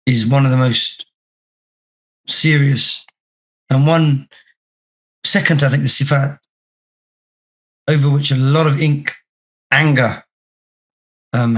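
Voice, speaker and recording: A man with a hoarse, croaky sore-throat voice, teaching an online religious class in a measured, deliberate way. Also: mid-range voice, low-quality recording. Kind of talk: online class lecture with reading aloud. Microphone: video call.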